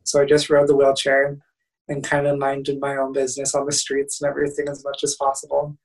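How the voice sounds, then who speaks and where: A man's voice: mid-range voice, completely flat delivery, fairly quick, recorded from a distance, low-quality recording. A young man in his twenties, a motivational speaker guest, telling a funny story in a casual, laughing way.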